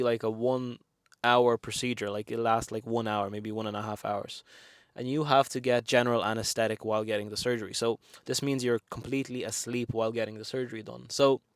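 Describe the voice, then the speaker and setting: This clip features a twenty-something man from Lithuania, a vlogger, speaking accented English while casually recounting something from his own life to the camera. He grew up with Lithuanian and Russian. His mid-range voice sounds clear and resonant, his manner is frank and talkative with many fillers, and the studio audio is clean with no room sound.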